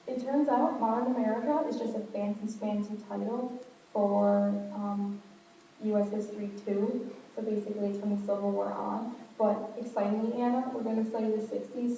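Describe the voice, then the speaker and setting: A young woman chatting casually in a rambling video diary, telling little stories about her day in a big, echoing indoor space. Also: medium pitch. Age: young adult. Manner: rambling, animated retelling with quoted dialogue. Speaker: college student vlogger. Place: echoey indoor space in a college dorm, with passers-by. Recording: big echoing hall, distant mic, dull, hum.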